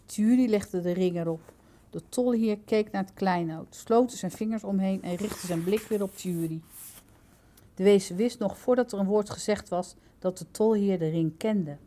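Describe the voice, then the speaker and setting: A woman reading a children's book aloud in a calm, steady storytelling voice. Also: medium pitch, moderate pace. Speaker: storybook reader.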